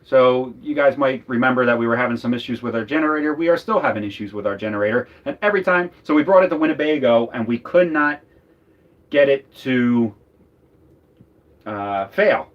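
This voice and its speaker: A man's voice: medium pitch, brisk, lo-fi sound. A man from Philadelphia with a Philadelphia accent, chatting casually on a livestream from inside his RV. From Northeast Philadelphia. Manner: rambling, chatty, joking. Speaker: RV vlogger, co-host. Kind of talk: casual live chat.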